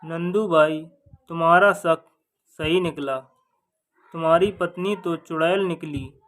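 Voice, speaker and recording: A man's voice: on the high side, fairly even intonation, slow pace, a bit bright, poor audio. A man voicing a practical, loyal village friend in a folk story, speaking earnestly. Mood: alarmed.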